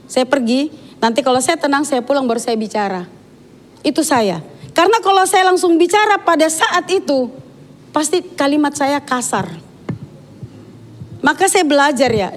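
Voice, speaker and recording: A woman giving a sermon in a church, talking frankly and chattily, with many asides to the congregation. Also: sits high. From Dayak. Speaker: preacher.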